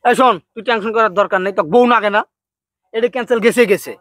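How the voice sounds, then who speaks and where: A man's voice: high-pitched, fairly even intonation, racing, fairly bright tone, no echo, clean studio sound. Scolding rustic man. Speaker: comedy skit lead. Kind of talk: comedy skit acting.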